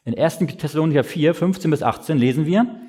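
A man preaching a sermon, asking questions and answering them himself in a slow, explaining way. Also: a little high, mellow, slightly rough.

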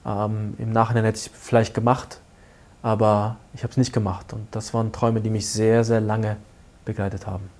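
A man earnestly recounting a personal experience in casual speech, halting now and then and dropping to hushed asides. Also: lowish voice, little pitch movement. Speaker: guest telling a personal story. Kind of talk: casual spoken storytelling.

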